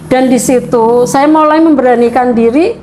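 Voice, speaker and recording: A woman's voice: high voice, moderate pace, darkish tone, a little hiss or hum. A woman in her forties from Purwokerto, Indonesia, giving an earnest, heartfelt personal testimony in an interview, with hesitant restarts. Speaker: interviewee telling her conversion story.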